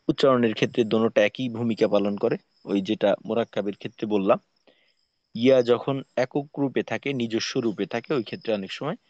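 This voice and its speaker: A man teaches Quran reading in an online class, taking each letter and its sound at a very slow, deliberate pace. His voice sits in an ordinary middle pitch. The audio is dry and dull, as on a lo-fi call. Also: a little mellow, no room sound.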